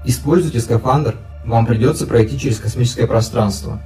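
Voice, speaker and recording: A man's voice: medium pitch, a little fast, warm tone, reverberant, faint music behind. A man voicing a stern male mission controller who gives clipped orders over a distant space radio transmission. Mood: commanding. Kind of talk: storybook narration.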